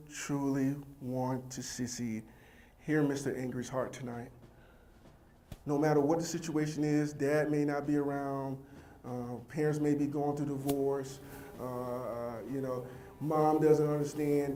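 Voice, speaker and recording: A man's voice: medium pitch, dark tone. Earnest male speaker in an echoey hall. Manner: emphatic, addresses the audience directly; heartfelt and earnest. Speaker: youth motivational speaker. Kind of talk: motivational speech to a young audience. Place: large event hall with a live audience. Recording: echoey hall with faint ambience.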